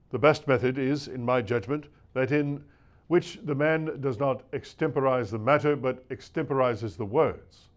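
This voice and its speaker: A man giving a scripted reading of a nineteenth-century lecture to preachers, in a measured, oratorical delivery with shifting emphasis. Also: medium pitch. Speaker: reader of a classic lecture.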